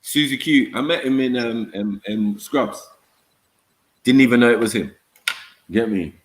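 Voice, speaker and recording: A man's voice: mid-range voice, unhurried. Male, London roadman accent, loose live-show chat, heavy street slang, repetitive phrasing. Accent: London, urban multicultural street.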